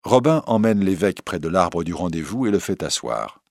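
A man reading a storybook aloud with an expressive, dramatic delivery. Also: deep voice, moderate pace, no echo, studio quality.

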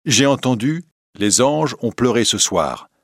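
Brief: insistent young nobleman in love, read by a deep-voiced man, dry sound. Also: lively intonation, unhurried, husky, no room sound. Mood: impassioned.

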